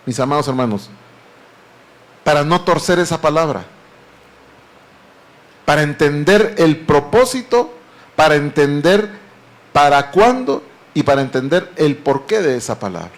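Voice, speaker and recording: A man's voice: fairly high pitch, lively intonation, measured pace, pauses often. A man preaching a sermon, earnestly and often addressing the congregation as beloved brethren.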